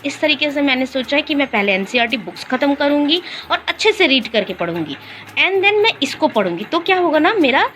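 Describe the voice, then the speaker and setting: A woman's voice: sits high, big pitch swings, brisk, fairly bright tone, slight background noise. A young woman chatting casually in a study vlog, explaining her approach with lots of fillers and restarts. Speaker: vlogger.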